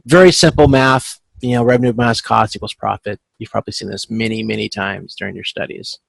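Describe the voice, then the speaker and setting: Speaking a little fast in a lowish, creaky voice with a steady, fairly bright tone, a man leads a supply chain class through an informal video-conference tutorial. He explains each step and checks in with frequent "okay"s, and the recording is dry, close, and rough.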